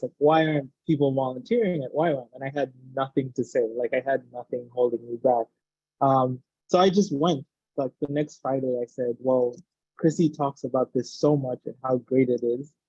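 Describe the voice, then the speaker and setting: A man from Uganda, a guest in a casual interview, telling his story in a reflective, relaxed way over muffled call audio. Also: medium pitch, no echo. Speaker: guest, former volunteer.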